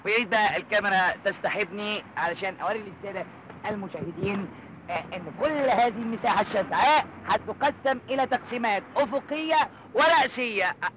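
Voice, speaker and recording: A man's voice: high voice, fast talker, pushed and bright, a little hiss or hum, low-quality recording. An actor playing a pompous young male businessman who bluffs, speaking with an Egyptian accent and mixing in English words. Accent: Egyptian Arabic. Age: young adult. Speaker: film character. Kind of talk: 1980s comedy film acting.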